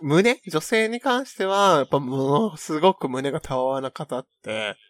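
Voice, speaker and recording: A man's voice: fairly high pitch, very animated, normal speed, no room sound. A man playing a polite, haughty rich schoolgirl, hosting radio comedy and reading listener mail with genteel, affected speech. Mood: musing. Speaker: comedy radio show host.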